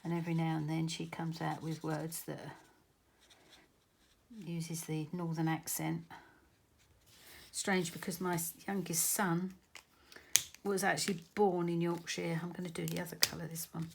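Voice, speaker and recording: A woman's voice: low voice, level tone, normal speed, gravelly, a little hiss or hum. A middle-aged woman with a southern English accent, chatting her way through a card-making tutorial with rambling, self-correcting asides. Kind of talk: casual crafting tutorial.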